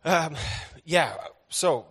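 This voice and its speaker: A man's voice: fairly high pitch, animated, drawn-out words, a bit bright, husky. An American man in his thirties giving a church missions presentation, earnest and conversational with many fillers. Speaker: missionary speaker. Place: church sanctuary. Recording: echoey hall with long reverb.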